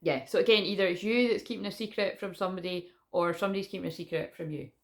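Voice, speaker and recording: A British woman talks in a candid, chatty way, like an online psychic reader addressing followers. Her voice sits fairly low with plenty of gravelly fry. She is informal and sweary. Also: fairly even intonation, quick pace. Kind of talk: informal spiritual vlog chat.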